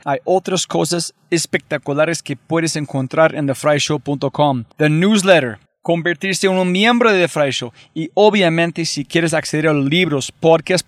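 A man hosting a podcast, reading an energetic intro with sudden leaps in pitch for emphasis, then starting an interview. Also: dry recording, studio quality. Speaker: podcast host.

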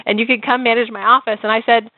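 A woman telling her story as an interview guest, animated and laughing often as she talks. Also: a little high, fast talker, dry recording. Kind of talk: casual storytelling. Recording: dry, phone-like lo-fi line.

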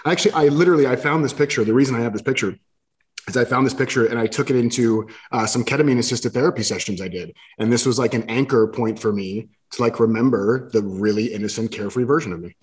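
A man's voice: medium pitch, fast talker. A man guest on a podcast, chatting casually with joking, irreverent asides. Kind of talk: casual chat.

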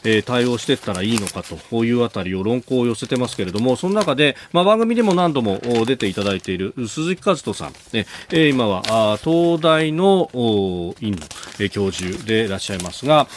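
A man hosting a radio news show, explaining the day's stories in a measured way with frequent filler pauses. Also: mid-range voice, animated, a little hiss or hum. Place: radio studio.

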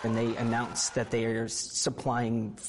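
A man's voice: medium pitch, monotone, a little slow, slight background noise. A young man in his twenties, a medical student, speaking earnestly in an interview.

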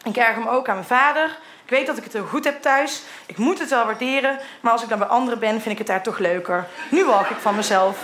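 A woman's voice: fairly high pitch, fast talker, fairly bright tone, slight background noise. A middle-aged woman reading her old teenage diary entries aloud in a candid way, sometimes laughing at what she wrote. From Netherlands.

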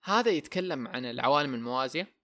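Guy hosting a podcast, talks super fast, loose rambling chat. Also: medium pitch, lively intonation, fairly bright tone. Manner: rambling, repeats words, mixes in English. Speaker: podcast host.

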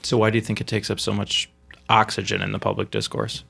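A male podcast host with a low, very gravelly voice asks questions in a flat, even delivery. His conversational talk is recorded dry and close. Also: fast talker, no echo, soft background music. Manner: conversational, uses fillers.

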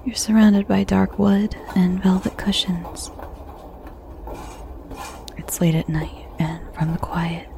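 A woman whispering a slow guided visualization story in the second person, in a soft unvoiced whisper. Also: medium pitch, fairly even intonation, gravelly, a little hiss or hum.

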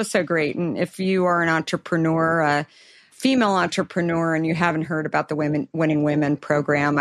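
A middle-aged woman hosts an interview podcast, introducing her guest in an effusive, filler-laden way. Her voice sits on the low side, and the recording is dry and close with no room sound. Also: no echo. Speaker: podcast host.

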